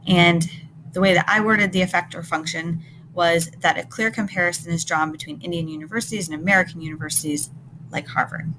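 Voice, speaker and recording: A woman with a somewhat low voice walks students through a text, thinking aloud and checking in with "right?". She explains patiently, like a recorded lesson. A steady hiss of noise sits under her voice. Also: fairly quick. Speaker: teacher. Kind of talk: recorded classroom lesson, close reading. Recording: noticeable background noise.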